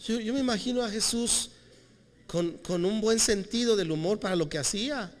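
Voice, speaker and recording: A male pastor preaching a lively, conversational sermon, acting out quotes as he tells stories. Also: sits high, normal speed, in a large hall. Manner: animated storytelling, acting out quotes.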